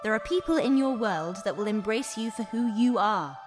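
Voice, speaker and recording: A man voicing a kind, gentle female fairy godmother, speaking softly and measuredly. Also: sits high, lively intonation, long reverb tail, music in the background, pitched above the performer's own voice. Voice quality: soft, measured and hushed.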